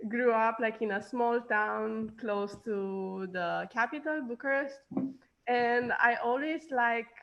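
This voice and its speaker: A woman from Romania talks through her answers as an interview guest, pausing often on "um" and "like". Her voice sits at a middle pitch. The recording sounds dull and lo-fi. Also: creaky. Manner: hesitant, many fillers and "like". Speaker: robotics professor, guest.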